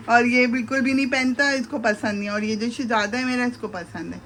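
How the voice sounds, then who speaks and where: A middle-aged vlogger and mother speaks in a voice on the high side, a bit bright and a little fast, with a steady tone and slight background noise. She casually narrates while cooking breakfast at home, talking to viewers and affectionately to her sons, filmed on a handheld camera.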